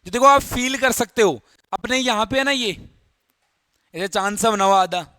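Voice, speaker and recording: A man's voice: sits high, moderate pace, bright, forceful tone, dry recording. A man teaching a biology class in a Hindi lecture, explaining step by step, repeating key terms and asking students questions. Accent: Rajasthani Hindi.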